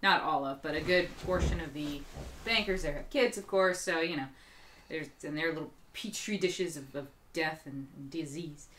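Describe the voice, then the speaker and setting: Chatty woman co-hosting, quick to laugh. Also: low-pitched, slight background noise. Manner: chatty, laughs often, animated bursts. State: slightly strained throat. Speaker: podcast co-host. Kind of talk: casual chat.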